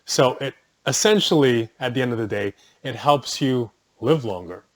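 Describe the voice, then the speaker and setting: Male wellness vlogger, mid pitch, dry close sound, loose and chatty with self-corrections. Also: expressive, normal speed, dry recording. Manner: conversational, self-correcting, with restarts and asides. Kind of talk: casual product talk to camera.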